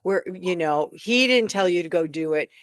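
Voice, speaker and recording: A woman's voice: on the low side, lively intonation, moderate pace, dry recording. A woman podcast host who affirms her guest and reflects thoughtfully on inner work. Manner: affirming, thoughtful, some restarts. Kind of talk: reflective conversational talk.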